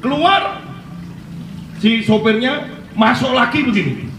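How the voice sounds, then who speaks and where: A man's voice: very high-pitched, expressive, slow. A man with a Javanese accent, a pastor telling funny stories in a chatty way during a sermon. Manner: chatty storytelling, mixing Javanese and Indonesian, often laughing. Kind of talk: sermon with humorous anecdotes. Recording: echoey hall, mic at a distance, faint noise.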